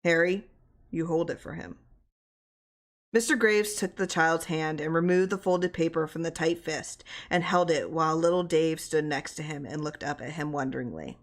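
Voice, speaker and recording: Lower-pitched woman reading a short story. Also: normal speed, hardly any pauses. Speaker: story reader. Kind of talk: scripted narration of a short story.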